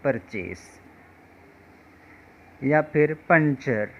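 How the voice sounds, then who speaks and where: A man teaching English pronunciation rules in a slow, patient way, often calling his viewers friends. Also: mid-range voice, animated, highs cut off.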